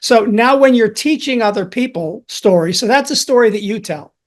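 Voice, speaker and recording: A man from Chicago hosting a podcast interview, talking in an enthusiastic, reflective way with thoughtful pauses. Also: high-pitched, expressive. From Chicago, USA. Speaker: podcast host. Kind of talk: conversational interview.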